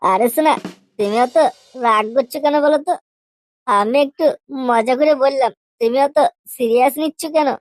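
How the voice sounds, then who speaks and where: A woman's voice: high-pitched, normal speed, long pauses, no echo, faint music behind, close to an everyday voice. A woman voicing a crude, pushy young boyfriend in a comedy cartoon, using coarse slang and a wheedling, teasing manner. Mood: coaxing.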